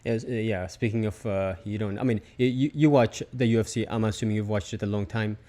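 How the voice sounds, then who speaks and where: A man's voice: on the low side, fairly quick, dark tone. A man hosting a podcast, asking questions in a hesitant, filler-heavy way. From outside the United States. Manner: hesitant, many fillers and restarts. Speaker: podcast host. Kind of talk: casual interview.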